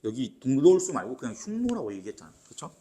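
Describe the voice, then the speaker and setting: A man's voice: medium pitch, very animated, quick pace, warm tone. A man teaching literature for exams, explaining step by step and often checking with "right?". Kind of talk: exam lecture.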